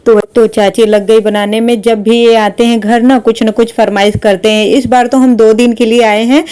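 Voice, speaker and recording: A woman's voice: a little high, level tone, moderate pace, mellow, smooth. A woman vlogger narrating her day in a casual, homely, chatty voice-over. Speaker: village life vlogger.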